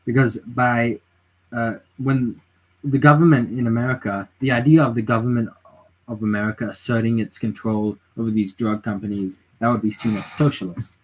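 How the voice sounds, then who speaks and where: The voice is medium-pitched, steady and slightly rough, at a moderate pace, on a rough recording. He's a tired man livestreaming late at night at home, a native English speaker who rambles through casual political chat, reads messages aloud, and keeps restarting with fillers.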